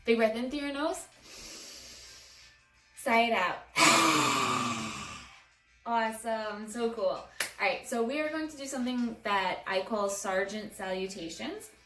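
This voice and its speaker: A woman's voice: mid-range voice, a bit bright. A woman teaching a guided yoga class for children at home, talking in a friendly, encouraging way. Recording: echoey room, mic at a distance.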